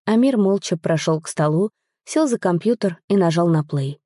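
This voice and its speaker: Woman, audiobook narrator, steady measured reading, dark mellow tone, dry close sound. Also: lowish voice, dry recording. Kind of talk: scripted narration.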